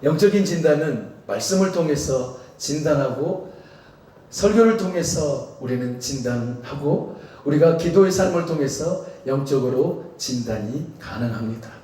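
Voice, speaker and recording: A man's voice: on the high side, lively intonation, normal speed, warm tone. A male pastor with a Jeolla Korean accent preaching a sermon in a church sanctuary, talking conversationally and asking the congregation rhetorical questions. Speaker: senior pastor. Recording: very echoey church hall, distant mic.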